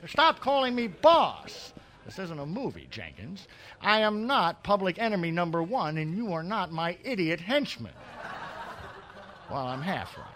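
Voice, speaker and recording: A man's voice: high-pitched, big pitch swings, unhurried, fairly bright tone, full character voice. A man playing an irritable, theatrical gangster schemer in old-time radio comedy, stammering and exclaiming. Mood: irritated.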